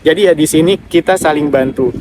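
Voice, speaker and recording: A man's voice: a little high, brisk, noisy background. A man hosting a casual live Q&A, giving direct advice and reading out viewer comments. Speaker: affiliate marketing livestreamer.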